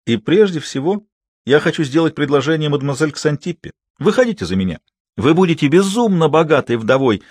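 A male narrator gives voice to an aging French gentleman full of reckless excitement, declaring everything grandly. The voice is lifted well above the reader's own and keeps a husky edge. It sounds like a character in a dry, close audiobook reading. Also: a little high, fairly quick, no room sound, pitched above the performer's own voice. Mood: exuberant. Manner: grand, effusive, exclaiming.

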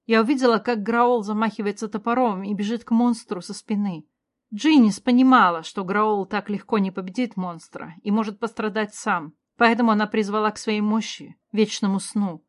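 Woman, storyteller, steady fantasy narration, clear reading. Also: mid-range voice, normal speed. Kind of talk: scripted first-person fantasy narration.

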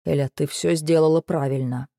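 A woman's voice: sits low, fairly even intonation, moderate pace, vocal fry, mellow, dry recording, studio quality, pitched below the performer's own voice. A woman voicing a young male dragon who is caring but stern, patient at first and then sharply scolding, in an audiobook. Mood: worried. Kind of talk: audiobook narration.

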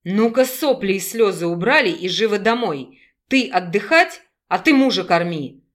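A woman growling as a blunt gruff male werewolf. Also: medium pitch, lively intonation, normal speed, fairly bright tone, lightly acted. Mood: bossy. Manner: curt, growling.

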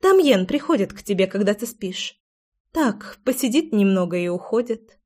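A sly, playful young woman who teases and coaxes, read by a woman narrator. The voice sits at an ordinary middle pitch, light and conversational. It is a storybook figure told in a close reading voice. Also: animated, moderate pace, darkish tone, close to an everyday voice. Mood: teasing. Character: lively teasing young woman, curious meddler.

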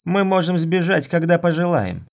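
A man voicing a calm, teasing young woman held captive, speaking in a soothing way, in an audiobook. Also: on the high side, normal speed, vocal fry, pitched above the performer's own voice.

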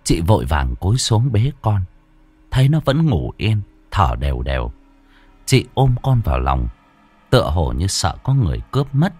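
A man narrating a ghost story in an expressive, animated storytelling manner. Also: normal speed, husky, soft background music. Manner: lively, expressive storytelling with big pitch swings.

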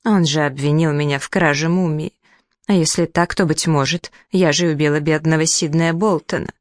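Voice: fairly even intonation, normal speed, no echo, studio quality, close to an everyday voice. A reader voicing an indignant, plump middle-aged widow who makes theatrical complaints. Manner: shrill outrage, theatrical complaints.

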